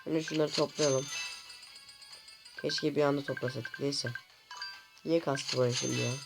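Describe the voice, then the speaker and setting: A man hosting a gaming channel, commenting casually on his gameplay to viewers, often exasperated and complaining out loud at the game. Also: medium pitch, fairly even intonation, measured pace, vocal fry, over music. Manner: talks to viewers directly.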